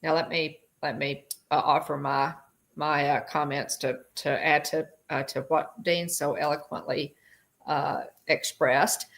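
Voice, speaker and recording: Lady host chatting on a livestream, lowish voice, lots of ums and restarts. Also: steady tone, a little slow, vocal fry, fairly bright tone. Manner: chatty, many fillers and restarts. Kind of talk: casual livestream chat, reading viewer comments.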